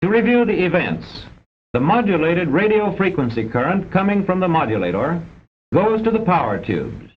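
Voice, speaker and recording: A man with big swings in pitch narrates an old educational film at normal speed. The scripted reading is formal and precise with a didactic tone, and the vintage recording is dull and rumbly.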